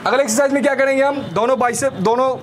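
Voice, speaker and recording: A young man in his twenties coaching a home biceps workout on a rooftop, cueing each rep with energetic counting. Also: very high-pitched. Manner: energetic coaching, repeated "slowly slowly" and counting cues. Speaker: fitness trainer. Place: rooftop terrace outdoors. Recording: noisy outdoor rooftop recording. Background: outdoor street ambience, vehicles.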